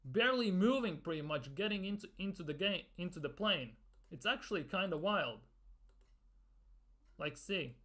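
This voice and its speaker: A man's voice: high voice, lively intonation, moderate pace, pushed and bright. A man ranting in a football fan commentary video, exasperated and sarcastic, with some swearing.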